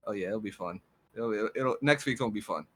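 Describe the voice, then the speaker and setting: Fast-talking joking racing driver, man. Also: fairly low pitch, a bit bright, slightly rough. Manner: joking, easygoing. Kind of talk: post-race interview.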